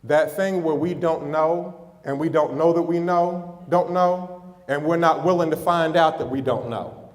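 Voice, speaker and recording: A man's voice: fairly high pitch, measured pace. A middle-aged man who is a pastor, preaching a sermon and telling stories to his congregation. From United States. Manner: storytelling preacher, speaks to the congregation with chuckles. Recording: long hall reverb.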